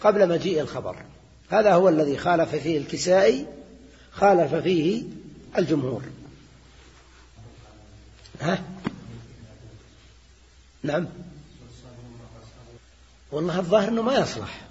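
A man's voice: on the high side, animated, normal speed, pauses often, darkish tone. An older man giving a classroom grammar lecture, explaining and repeating points and often checking in with his students. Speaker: teacher of Arabic grammar. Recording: dull lo-fi recording in a reverberant hall.

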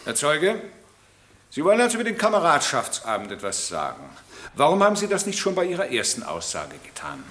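An actor playing a stern, formal presiding judge in a 1960s radio drama. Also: male voice, on the high side, wildly swooping pitch, fairly quick, fairly bright tone, slight background noise. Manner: formal, commanding. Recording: roomy vintage radio play studio.

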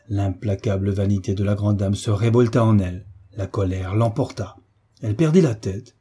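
A man reading a classic novel aloud as an audiobook narrator, measured and even. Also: on the low side, breathy edge. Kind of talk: scripted narration.

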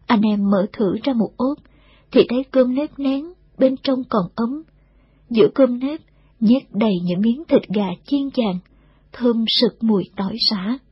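A woman narrating a novel as an audiobook reading in a steady storytelling way. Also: fairly high pitch, breathy edge, no room sound. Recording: dull, dry recording.

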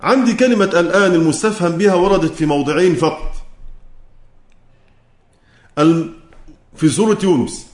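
A man with an Egyptian accent teaches the rules of Quran recitation. His voice sits a little high, and it echoes in the room. He poses questions, answers them himself, and slows down to chant each quoted verse. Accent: Egyptian Arabic.

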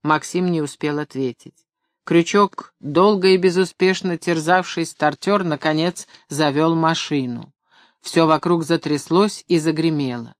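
A man reading a novel aloud in an even, measured storytelling voice. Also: fairly high pitch, no echo. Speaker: audiobook narrator. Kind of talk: scripted narration.

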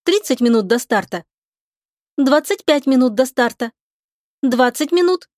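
A woman voicing an eager, dutiful young woman pilot on a starship, reporting briskly to her captain in an audiobook. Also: high voice, sing-song, no room sound, clean studio sound, pitched above the performer's own voice.

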